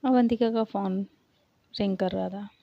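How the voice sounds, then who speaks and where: A woman storyteller greeting listeners and narrating a romance story episode in a slow, measured way. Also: medium pitch, steady tone, creaky. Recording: dull lo-fi recording.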